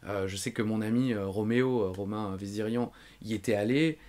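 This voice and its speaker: A man's voice: fairly low pitch, a little fast, darkish tone. A man hosting a podcast, chatting casually and telling rambling, self-mocking travel anecdotes. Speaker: podcast host.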